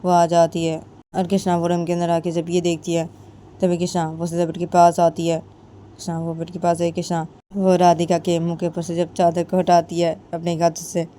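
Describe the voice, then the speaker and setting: A woman storyteller narrating in a loose, rambling way. She repeats herself and corrects herself as she goes. Her voice sits low for a woman, with a faint hiss under it. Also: completely flat delivery, moderate pace, mellow. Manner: rambling, repetitive, self-correcting. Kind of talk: improvised spoken story narration.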